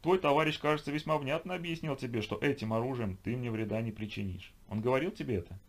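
A man voicing a calm, contemptuous inhuman twilight creature that taunts its human enemies. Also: medium pitch, quick pace, pitched above the performer's own voice, lightly acted. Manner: calm, mocking, superior. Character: cold, contemptuous inhuman twilight being, female.

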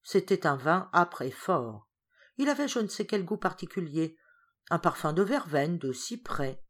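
A woman reading a classic story aloud as an audiobook, with expressive, varied storytelling. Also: fairly low pitch, unhurried. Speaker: audiobook reader. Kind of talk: literary audiobook narration.

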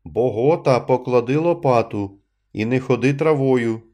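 A man's voice: mid-range voice, a little slow, voice pushed up, close to an everyday voice. A man doing stern blind villagers calling out. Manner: loud calling out.

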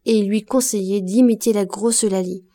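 Reading a classic novel aloud for an audiobook, this female narrator keeps a medium pitch and a measured, expressive delivery.

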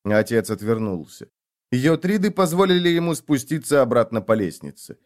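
A man's voice: medium pitch, sing-song, normal speed, a little mellow. A man narrating a fantasy audiobook in the first person, reading dramatically.

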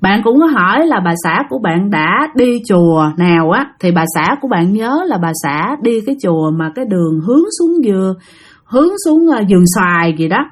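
A woman's voice: mid-range voice, sing-song, a little fast. A woman narrating a ghost story, chatty and addressing listeners directly.

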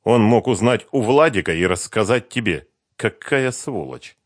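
Man doing a defensive young guy confessing, halting delivery, lively pitch, dry sound. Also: dry recording. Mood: angry.

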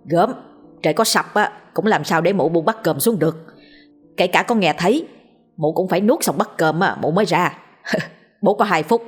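A woman's voice: fairly low pitch, slightly rough, soft background music. A woman voicing a cheeky young male thief who teases his father in a storybook tale. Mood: cocky. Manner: brisk teasing chatter.

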